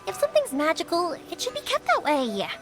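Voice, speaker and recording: Bubbly young fireworks shop girl, high voice, music in the back. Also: huge pitch swings, brisk, full character voice. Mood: chatty. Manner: chatty, bright, patient with her deaf father. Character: spirited young female fireworks shop owner. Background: game music.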